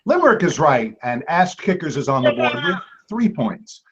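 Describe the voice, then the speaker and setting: A man's voice: medium pitch, big pitch swings, normal speed, a bit bright, breathy edge. A man hosting an online trivia game as quizmaster, playful, with jokey asides. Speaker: trivia quiz host. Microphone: video call. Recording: dull lo-fi video call audio.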